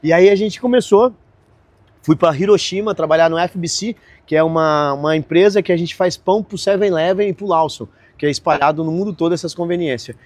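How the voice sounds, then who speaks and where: Podcast guest: man, 40s, high voice, lively storyteller, dry close sound. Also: brisk, dry recording. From Brazil. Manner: lively, laughs often, acts out quoted dialogue. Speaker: podcast guest, marina owner. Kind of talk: animated storytelling in conversation.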